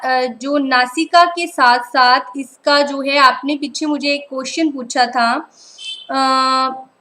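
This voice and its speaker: A woman teacher with a high voice gives an online lecture over slides. She talks patiently and keeps pausing to check that her students are following. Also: a bit bright, low-quality recording. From Punjab, India. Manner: patient, keeps repeating "ठीक है" to check understanding.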